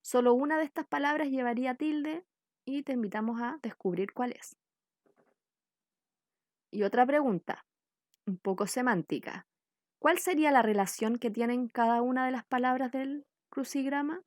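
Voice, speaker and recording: A woman from Chile giving a scripted spelling lesson, reading out example words one by one in a slow, deliberate way. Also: sits high, a little mellow, dry recording, clean studio sound. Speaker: workshop teacher.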